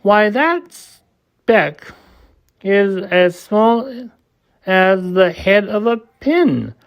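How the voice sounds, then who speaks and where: A sour female kangaroo from a storybook, acted out by a man, pitched well up and swinging widely. She is huffy, scornful and quick to dismiss whatever she hears. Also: sing-song, full character voice.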